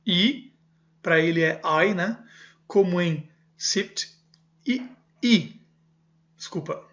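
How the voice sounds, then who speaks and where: A man with a rather high voice teaches a video lesson, reading a book aloud and explaining it. He often checks in with a questioning "certo?" and fixes his own slips. The recording sounds dull and lo-fi. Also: slow pace. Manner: keeps adding a questioning "certo?" tag, corrects himself aloud. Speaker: music teacher.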